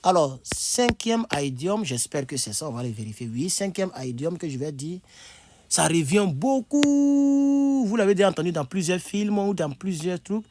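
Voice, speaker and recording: A man's voice: a little high, lively intonation, normal speed, hardly any pauses, darkish tone. Man, tired online English teacher, talks from bed, loose and repetitive, demonstrates every phrase. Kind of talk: casual online language lesson. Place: indoors, on his bed.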